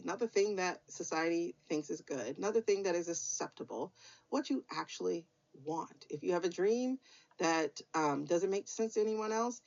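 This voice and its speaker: In a lowish, slightly mellow voice full of vocal fry, an American tarot reader delivers her weekly reading. The tone is an easygoing spiritual guidance chat, direct and encouraging, with occasional mild profanity. Sound is dull and lo-fi.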